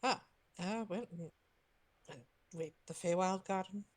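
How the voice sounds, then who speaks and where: A woman playing a tabletop game in character, soft-spoken and hesitant. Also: medium pitch, a little slow. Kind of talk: in-character tabletop role-play.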